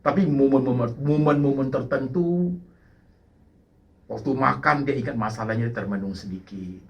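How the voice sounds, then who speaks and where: A man's voice: medium pitch, moderate pace, gravelly, muffled recording. A man preaching a sermon, repeating phrases and calling out to the congregation, sliding now and then into English words. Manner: mixes English words into his speech. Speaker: pastor.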